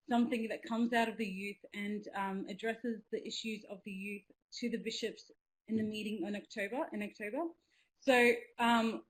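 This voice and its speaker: A woman's voice: medium pitch, low-quality recording. A young woman from Australia speaking casually on a webinar video call, earnest and enthusiastic, with many ums and restarts. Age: young adult. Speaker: youth representative. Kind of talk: webinar talk. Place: indoors at home, small room.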